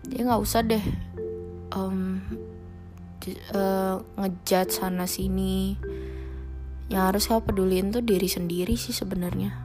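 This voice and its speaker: A young woman hosting her own podcast, talking casually and frankly in slangy speech, with English phrases dropped in. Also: mid-range voice. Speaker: podcast host. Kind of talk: casual solo podcast talk.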